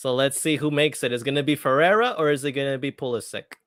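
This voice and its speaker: A man hosting a live soccer watchalong for his viewers, talking excitedly and slipping into when emotional. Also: mid-range voice, fast, no room sound, clean studio sound. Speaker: watchalong host. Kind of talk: live match commentary to viewers.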